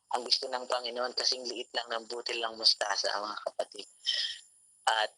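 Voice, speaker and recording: Over a call mic in an online meeting room at home, a youth devotion speaker gives a Taglish sermon, repeatedly addressing his listeners as "mga kapatid." His medium-pitched voice is bright and forceful, and the rough recording has no echo.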